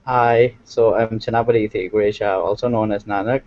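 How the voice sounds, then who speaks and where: A young man from Thailand answering interview questions in a hesitant, soft-spoken way. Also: on the low side, steady tone, brisk. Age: young adult. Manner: hesitant, many fillers and restarts, soft-spoken. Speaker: interview guest, hotel owner. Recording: dry, slightly dull audio.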